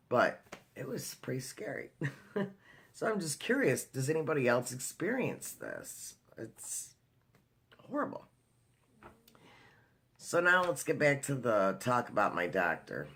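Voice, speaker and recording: A man's voice: on the low side, fairly bright tone, slightly rough. A man talking in a casual video diary, telling a personal story in a chatty way with lots of fillers and restarts. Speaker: vlogger.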